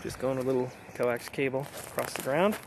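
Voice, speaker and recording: Brisk and medium-pitched, a middle-aged American man sums things up with casual enthusiasm in his outdoor vlog as an amateur radio operator. The setting is hilly backcountry, and outdoor noise can be heard behind his voice.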